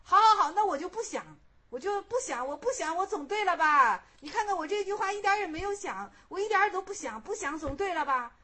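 A woman's voice: sing-song, unhurried, heavily acted. A woman doing a sobbing proud young monk. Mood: pleading. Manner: wailing complaint with high, rising cries.

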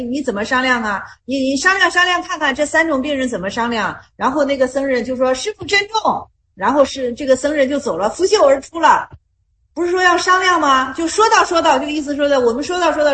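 A woman's voice: sits high, fairly bright tone. A woman leading a casual Buddhist study group, retelling Zen koans in plain speech and asking questions over and over. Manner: repeats herself, asks rhetorical questions, retells stories in plain speech.

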